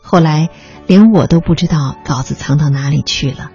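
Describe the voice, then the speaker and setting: A narrator calmly reading a memoir aloud, in a measured storytelling manner. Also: medium pitch. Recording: slightly muffled recording with faint music.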